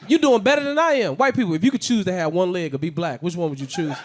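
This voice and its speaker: A young man from Chicago doing an animated stand-up set, slipping into shouted character voices. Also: sits high, fast talker, noisy background. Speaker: stand-up comedian.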